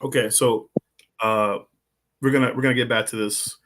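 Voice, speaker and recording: A man's voice: mid-range voice, steady tone, moderate pace, noisy background. A man hosting a live podcast interview, laid-back and friendly with viewers. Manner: laid-back, shouts out listeners. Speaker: podcast host. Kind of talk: casual livestream interview.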